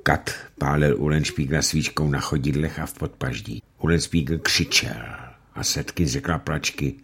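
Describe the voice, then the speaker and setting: A man narrating an audiobook in a grave, measured way. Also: very deep voice, steady tone, a bit bright.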